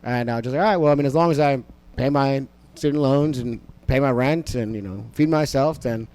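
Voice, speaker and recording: A young comedian, originally an Amharic speaker, talks a little fast in a slightly mellow, mid-range male voice during a casual podcast interview. His stand-up style shows in the loose, profane rambling peppered with fillers.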